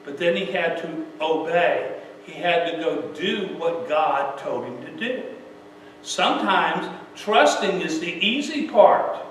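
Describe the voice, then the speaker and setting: A man's voice: fairly high pitch, expressive, slow pace, a bit bright. A man preaching a sermon in a folksy, plain-spoken way, often asking rhetorical questions. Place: church sanctuary. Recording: very echoey church, mic far off, faint hum.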